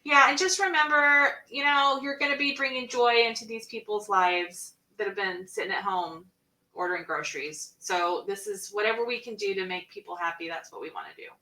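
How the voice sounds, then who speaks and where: A woman's voice: mid-range voice, steady tone, a little fast, sharp tone. A woman leading a chatty, encouraging pre-show pep talk for her cast over a video call. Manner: chatty and encouraging, sings snippets. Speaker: theatre director. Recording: echoey room, distant from mic.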